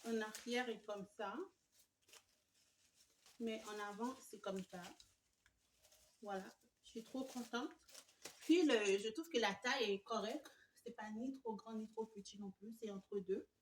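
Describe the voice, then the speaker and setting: A woman, gushing excitedly through a casual home decor haul with many fillers. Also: fairly high pitch, a little slow, pauses often, slight background noise. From Canada. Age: 20s. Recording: echoey room, mic at a distance.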